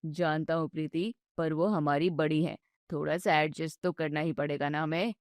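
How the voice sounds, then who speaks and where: A woman voicing a young husband who calmly soothes his upset wife. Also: normal speed, dry recording, clean studio sound. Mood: soothing. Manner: low, soothing and patient. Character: young husband, calm peacemaker between wife and mother.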